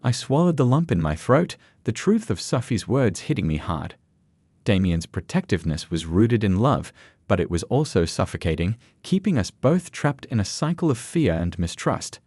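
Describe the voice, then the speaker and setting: A man reading a scripted first-person story aloud with earnest, expressive delivery. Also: fairly low pitch, moderate pace, no echo. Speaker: narrator.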